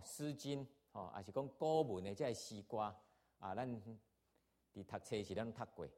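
A man preaching in an earnest, teaching tone, with a Taiwanese accent. His voice sits at an ordinary middle pitch as he reads scripture and explains it, leaning hard on key words and then dropping back down. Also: a little mellow. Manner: earnest, emphatic teaching with rising and falling emphasis. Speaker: pastor. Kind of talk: sermon with scripture reading.

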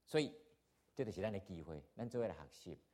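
A man's voice: sits low, animated, quick pace, darkish tone. A man from Taiwan with a Taiwanese accent, preaching a sermon and reading scripture aloud, earnest and emphatic, his emphasis rising and falling as he teaches. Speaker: pastor.

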